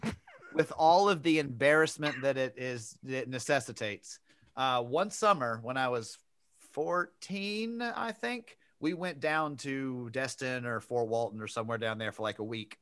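A man's voice: medium pitch, measured pace, a bit bright, smooth, dry recording. A man from Tennessee, co-hosting a podcast in a casual, playful and teasing way. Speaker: podcast co-host. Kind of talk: casual chat.

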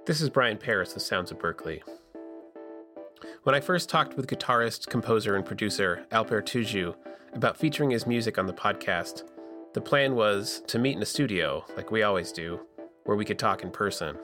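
A man's voice: on the low side, lively intonation, normal speed, over music. A man hosting a podcast, reading scripted narration from a makeshift booth in a home basement with some basement echo. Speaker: podcast host.

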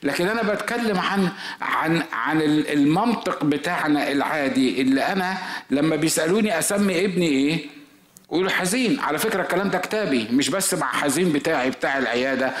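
A man's voice: a little high, a bit bright, echoey room. A man preaching a sermon as a pastor with an Egyptian Arabic accent, telling stories in a conversational way and asking his listeners rhetorical questions.

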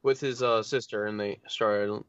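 Dude cohosting a movie podcast, wry deadpan comebacks, dull lo-fi mic, no room sound at all. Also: male voice, on the low side, normal speed, smooth, no echo. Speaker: podcast co-host. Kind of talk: casual film review chat.

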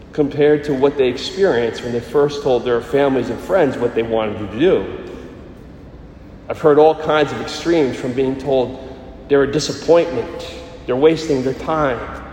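A priest reading the Gospel and preaching a sermon at a measured pace, slowing down for emphasis, with echoing church acoustics. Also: male voice, mid-range voice, a little mellow, slight background noise. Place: large church. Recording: echoey church with long reverb.

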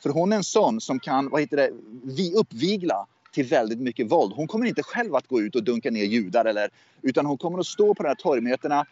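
A man of middle pitch talks through current affairs in a loose, hesitant way, stumbling over words and starting again. His voice comes through a dull, lo-fi line with a dry, close sound. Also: sing-song, darkish tone, dry recording. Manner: hesitant, repeats and restarts words. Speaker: USA correspondent. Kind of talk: casual political chat. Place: southwestern USA.

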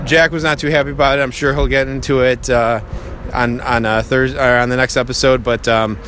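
Man chatting over loud street noise. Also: flat delivery, brisk. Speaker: podcast co-host. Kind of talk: casual sports chat. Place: outdoors walking along a busy city street at night. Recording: noisy low-quality outdoor recording, street traffic. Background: passing traffic.

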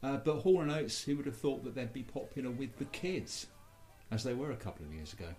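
A man's voice: medium pitch, animated, a little fast, darkish tone. A man hosting a podcast, giving discursive, casual commentary on culture in a musing way. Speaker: podcast host.

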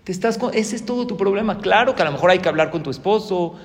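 Lively Mexican rabbi preaching. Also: male voice, high-pitched, fast, long reverb tail. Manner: lively, asks the audience questions. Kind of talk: sermon.

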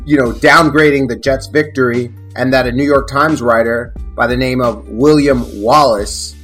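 A man co-hosting an interview, asking long, measured questions. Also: medium pitch, slightly rough. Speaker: podcast co-host.

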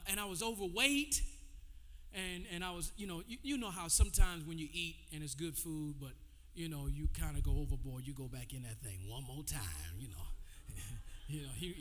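A man in his forties preaching a sermon, loose and conversational, calling out to the congregation between testimony. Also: a little high. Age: 40s. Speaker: pastor. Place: church sanctuary. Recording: long hall reverb.

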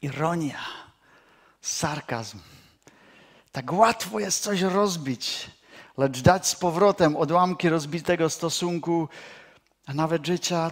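Slow, measured male preacher. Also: fairly high pitch. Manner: slow, measured delivery with pauses. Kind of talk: sermon.

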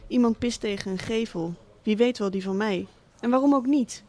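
A woman reading a literary monologue as a cynical, wealthy absent father, speaking in a dry, deliberate, sardonic way. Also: a little high, a little mellow, close to an everyday voice. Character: cynical rich middle-aged father, absent tycoon.

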